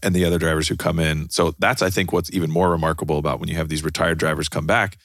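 Low-voiced man swearing through casual chat. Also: fast, dry recording, clean studio sound. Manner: profane, animated storytelling with put-on quotes.

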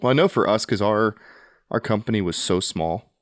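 A man with a deep, low voice speaks in an earnest, reflective way, often restarting his sentences. He sounds dry and close, like a podcast host at the mic. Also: normal speed, no echo. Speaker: podcast host, Army veteran. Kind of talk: casual conversational interview.

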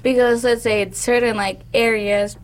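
Higher-voiced young woman from Honduras. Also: steady tone, normal speed. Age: young adult. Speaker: interview guest, criminal justice student. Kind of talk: casual interview chat.

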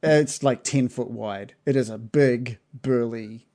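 A mid-pitched man runs a tabletop game as its game master. He narrates in a loose, playful way and laughs often as he goes. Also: a little slow, warm tone.

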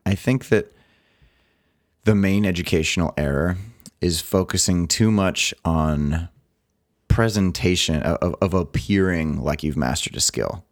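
A man with an extremely deep, low voice co-hosts a casual podcast chat. He gives earnest advice and drifts into goofy, playful riffs. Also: unhurried. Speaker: podcast co-host.

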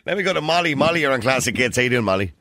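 A man with an Irish accent hosting a combative radio phone-in, argumentative, insistent and quick to interrupt. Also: medium pitch, lively intonation, sharp tone, no room sound, studio quality. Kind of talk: combative talk radio debate.

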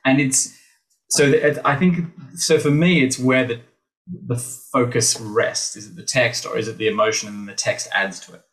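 A man's voice: medium pitch, steady tone, normal speed, a bit bright, rough recording. An Australian man, an actor and voice teacher, talking through ideas in a podcast interview with many restarts, acting out the teachers he quotes. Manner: thoughtful, full of restarts, acts out quoted teachers.

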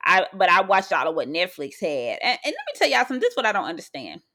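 A woman co-hosting a casual chat podcast, ranting in an animated way and repeating her phrases. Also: lowish voice, quick pace. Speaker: podcast co-host.

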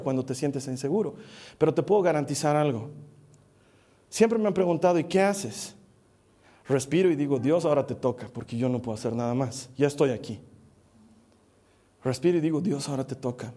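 A man preaching a sermon in a confessional, animated way, acting out little dialogues as he talks. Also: a little high.

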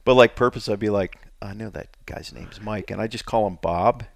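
A man who designs outdoor gear, talking as a guest in a casual chat, animated and quick to laugh. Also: fairly low pitch, vocal fry, no echo, studio quality. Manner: animated, laughs often, lively storytelling.

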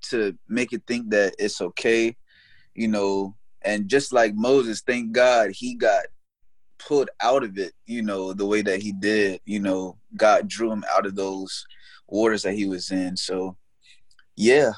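A man's voice: on the low side, a little slow, no echo. A young man talking in an easygoing, rambling way, full of fillers and checks with the listener. The sound is dry and close, with no room around it. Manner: relaxed, repeats "you know what I'm saying". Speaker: guest. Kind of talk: casual faith conversation.

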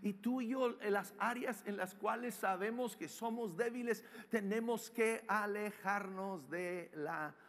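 A man preaching a sermon, acting out scenes with shouts and sound effects. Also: high voice, unhurried, hardly any pauses. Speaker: pastor.

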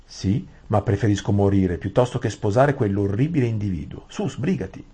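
A man's voice: on the low side, lively intonation, moderate pace, mellow, husky. A man voicing a determined, impatient young noble girl who speaks with urgent insistence. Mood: urgent insistent.

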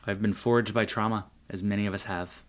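A man's voice: on the low side, steady tone, fairly quick. A man running for city council, talking casually and sarcastically in a podcast interview, often laughing at his own jokes.

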